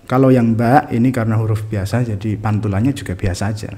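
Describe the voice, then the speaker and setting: A man with an Indonesian accent teaching Quran reading, saying syllables slowly and repeating them as examples. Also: lowish voice, dark tone. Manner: repeats syllables slowly and clearly to model pronunciation. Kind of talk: slow demonstrative tajweed lesson.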